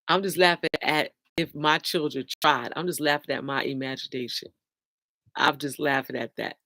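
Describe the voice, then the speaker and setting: A woman's voice: deep voice, fairly bright tone, no echo. A middle-aged woman, talking casually and bluntly to viewers on a livestream and laughing often. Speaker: livestream host.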